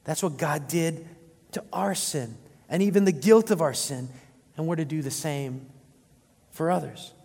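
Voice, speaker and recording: A man's voice: on the high side, measured pace, creaky, darkish tone, slightly rough. A male pastor preaching a sermon to his congregation, often asking them rhetorical questions. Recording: long reverb of a large hall.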